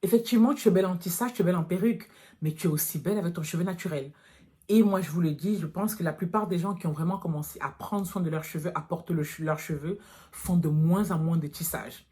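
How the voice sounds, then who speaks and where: A frank natural hair vlogger from France talks straight to her viewers, calling them girls in casual vlog fashion. Her voice is fairly low, quick, and warm, and her manner is direct.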